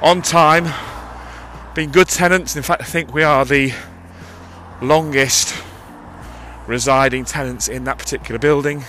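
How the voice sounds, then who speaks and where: A vlogger with a medium-pitched, steady, slightly slow and sharp-toned voice records a rambling audio diary as he walks beside a busy road, holding a cupped handheld mic. He corrects himself as he goes and is out of breath climbing uphill, with passing traffic audible in this outdoor street recording.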